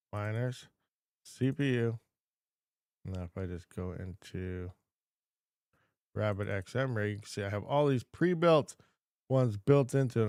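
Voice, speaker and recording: A man's voice: lowish voice, no room sound, studio quality. A man hosting a casual livestream Q&A, rambling and reading chat questions aloud from a home desk. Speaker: crypto mining channel host.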